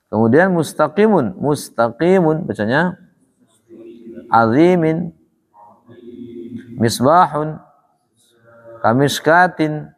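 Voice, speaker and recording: Guru tajwid pria, suara serak, gema aula. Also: male voice, fairly high pitch. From Indonesia. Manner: drills students with repeated questions, slow and patient. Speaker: Quran recitation teacher. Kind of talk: tajwid lesson. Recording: echoey hall reverb.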